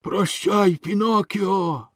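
A man voicing a frantic drowning police dog, high and pleading. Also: slow pace, no room sound, clean studio sound. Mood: grateful. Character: drowning male police dog, desperate then grateful. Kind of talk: audiobook character voice.

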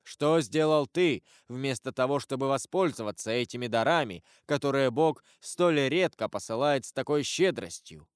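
A man voicing a stern, solemn avenger disguised as a priest, speaking gravely and in measured sermons. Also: mid-range voice, animated, dry recording, clean studio sound, lightly acted. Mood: preaching.

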